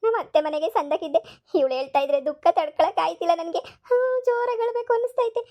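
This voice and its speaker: A woman's voice: sits high, fast talker, dark tone. Woman voicing a tearful proud village wife. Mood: tearful, high. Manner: boastful on the surface, sobbing asides. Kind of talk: cartoon comedy voice acting.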